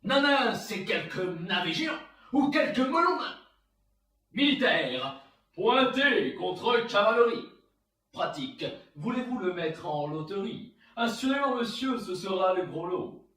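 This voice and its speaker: A man's voice: high voice, sing-song, measured pace, pushed and bright, heavily acted. A man playing a proud, witty, mocking swashbuckling poet, delivering a theatrical verse monologue like a hammy stage actor. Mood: grandiose, declamatory. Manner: hammy, declamatory stage acting. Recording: roomy, echoing, far from the mic.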